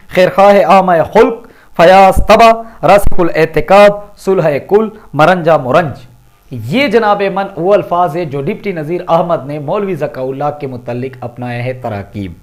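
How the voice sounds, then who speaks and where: High-voiced male teacher lecturing. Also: darkish tone. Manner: deliberate, explanatory, addresses listeners as "janab". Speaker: Urdu teacher. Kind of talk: classroom-style recorded lecture.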